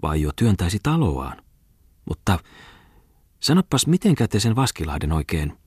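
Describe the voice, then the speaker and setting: Suspicious shoemaker from a male reader, whiny and hesitant, husky low voice. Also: very animated, dry recording, studio quality, exaggerated voice. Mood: doubting. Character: pale, suspicious village shoemaker man. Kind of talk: audiobook character reading.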